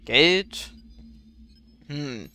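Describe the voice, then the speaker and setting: A man's voice: a little high, animated, very slow, bright, forceful tone, faint music behind. A man giving casual, playful and wry gameplay commentary as a streamer.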